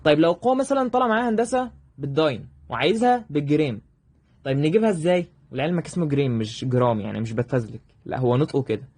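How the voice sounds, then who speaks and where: A man with an Egyptian accent teaching a review lesson, addressing students directly and checking in with quick questions. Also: a little high, animated, a little mellow. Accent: Egyptian Arabic. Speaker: math teacher.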